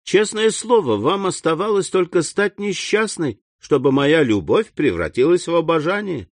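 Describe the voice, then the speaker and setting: With a fairly high voice pitched above his own, a man reads the part of an earnest young man, a devoted and proud son, addressing his mother fervently in an audiobook. He is very animated at normal speed, eagerly raising his voice on key words, in a dry recording.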